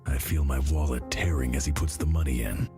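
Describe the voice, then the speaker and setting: A man narrating a meme story in a slow, deadpan way, his voice pitched way down so it sounds unnaturally deep. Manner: slow, flat, deadpan delivery. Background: music playing under the voice.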